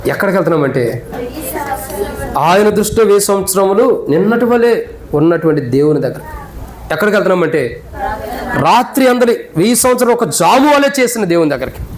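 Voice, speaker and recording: A male pastor preaching a sermon, swinging between loud, raised preaching and low, quiet asides to the congregation. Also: lively intonation, brisk, long pauses, roomy sound, poor audio.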